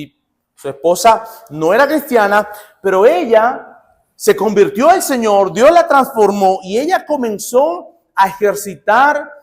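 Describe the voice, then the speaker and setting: A male pastor from Nicaragua preaching a sermon, asking the congregation questions and acting out the quotes he cites. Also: high voice. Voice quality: lively, swings between loud emphasis and soft asides.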